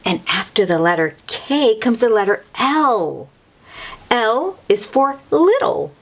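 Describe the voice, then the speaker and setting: Her voice is fairly high and sing-song, and she reads slowly as host of a children's story time. Teacher-like, she leans on key words, repeats them, and talks straight to the little listener.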